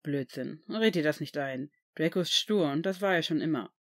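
A woman voicing a calm, gruff adult male potions master in an audiobook, dry and firm. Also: low-pitched, moderate pace, pitched below the performer's own voice.

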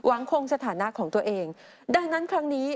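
A woman co-anchoring a news show, reading political reports in a brisk, conversational way. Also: high-pitched, lively intonation, darkish tone.

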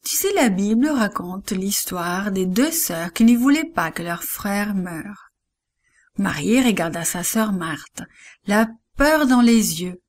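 Slow-reading woman storyteller for children. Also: medium pitch, expressive. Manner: warm, unhurried reading addressed to children.

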